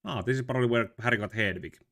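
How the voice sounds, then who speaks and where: A man's voice: mid-range voice, rapid-fire, background noise. A man from Finland giving casual, wry gameplay commentary in muttered asides. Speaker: video game streamer. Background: game music.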